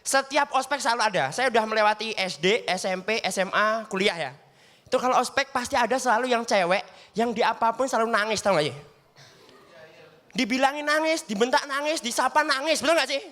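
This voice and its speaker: Before a live studio audience, a young comic delivers a chatty stand-up set, constantly checking whether the crowd is with him. He speaks slightly quickly in a very high, bright voice with a forceful edge.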